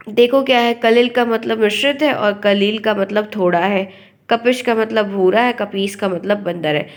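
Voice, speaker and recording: A woman running an online exam-prep lesson, her voice sitting at a middle pitch. She is feeling unwell but keeps going, explaining word meanings and repeating pairs of words so students hear how their pronunciation differs. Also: vocal fry. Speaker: teacher.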